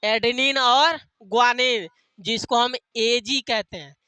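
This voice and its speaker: Slow, bright-voiced male teacher. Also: very high-pitched, fairly even intonation, clear, resonant tone, no room sound. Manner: asks questions and answers them himself, repeats key terms; uses jokey memory tricks. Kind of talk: classroom lecture with call-and-response questions.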